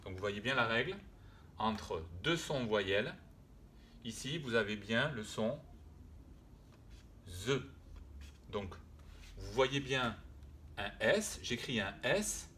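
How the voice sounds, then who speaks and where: A man's voice: mid-range voice, lively intonation, takes it slowly, pushed and bright, a little hiss or hum. A man teaching French spelling and pronunciation, patiently repeating words and sounds, with hesitations and self-corrections.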